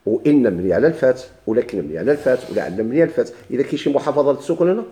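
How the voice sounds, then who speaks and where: A man's voice: medium pitch, expressive, racing, mellow. A man with a Moroccan Arabic accent teaching a grammar lesson, asking his class questions and answering them himself while he repeats the key points.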